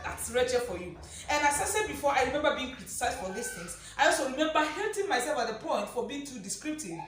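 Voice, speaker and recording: A woman coach giving a motivational talk to viewers, talking in a descriptive way and checking in with questions, slowing down to stress her words. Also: on the high side, a bit bright, distant mic. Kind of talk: direct-to-camera motivational talk. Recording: very echoey room, voice a bit off-mic, faint noise.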